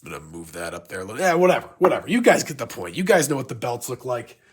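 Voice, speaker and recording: A man reviews collectibles casually, his husky voice stuffed up by a sick, blocked nose. He rambles along in a mid-pitched voice, gushing like an excited fan. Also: fast talker. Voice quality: congested, stuffy-nosed. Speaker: YouTube toy collector and reviewer.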